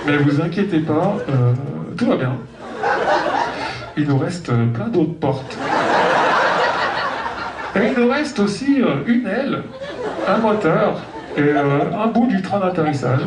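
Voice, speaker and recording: A man's voice: sits high, very animated, slow pace, pauses often, very noisy, full character voice. A stand-up comedian putting on a male airline captain making an unbothered, mock-reassuring cabin announcement. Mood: calmly reassuring. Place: comedy venue with a live audience. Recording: roomy stage sound, mic at a distance, audience laughter.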